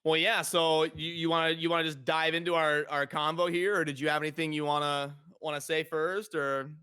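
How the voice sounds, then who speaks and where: A man's voice: on the high side, level tone, brisk, pushed and bright, clean tone. A man hosting a casual conversational debate, often repeating words as he gets his point out. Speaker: streamer hosting a debate, content creator.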